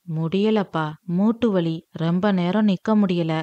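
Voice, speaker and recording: A woman's voice: fairly low pitch, steady tone, a little slow, mellow, dry recording, lightly acted. A woman voicing an elderly grandmother, hurt and resolute, who thinks aloud in anguish. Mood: weary. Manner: anguished inner monologue. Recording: dry, slightly dull lo-fi.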